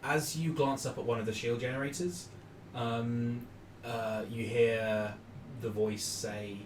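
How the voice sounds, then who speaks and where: A man's voice: medium pitch, fairly even intonation, slow. Man game-mastering in an echoey, noisy room. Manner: hesitant, piecemeal phrasing. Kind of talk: improvised tabletop game narration and chat. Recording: echoey room, distant mic, clear noise.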